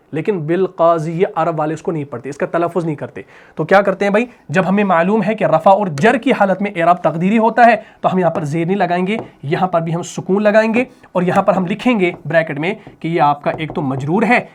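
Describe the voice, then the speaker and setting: Urdu grammar teacher asking himself questions. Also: male voice, sits high. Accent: Pakistani Urdu. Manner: repeats questions and answers them himself, adds "bhai" and "theek hai na"; reads Quran verses in a slow recitation. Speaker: Arabic grammar and Quran teacher. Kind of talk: explaining grammar while writing on a board.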